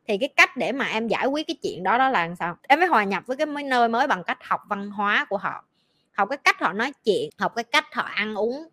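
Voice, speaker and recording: A woman with a Southern Vietnamese accent, a life coach talking in a casual advice podcast, animated and joking as she tells stories. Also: fairly high pitch. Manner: animated storyteller who acts out quotes and jokes with mock swearing.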